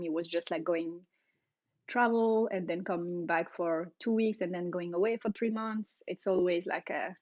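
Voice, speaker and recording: This interview guest is an aerialist from France in her thirties who speaks with a French accent. She answers casually, often laughing and pausing with fillers, in a fairly low voice. The audio is lo-fi and has no room sound.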